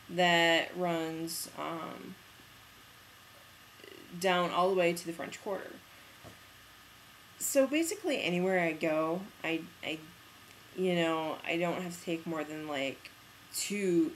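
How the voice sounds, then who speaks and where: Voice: mid-range voice, a bit bright, a little hiss or hum. A young adult vlogger telling a rambling, casual story in a spoken video diary, with plenty of fillers. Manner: chatty and rambling, with frequent fillers.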